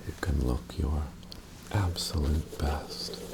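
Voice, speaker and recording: Very deep, slow whispered role-play tailor, man. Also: noisy background. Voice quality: breathy, mostly whispered. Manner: attentive, courteous tailor's sales patter.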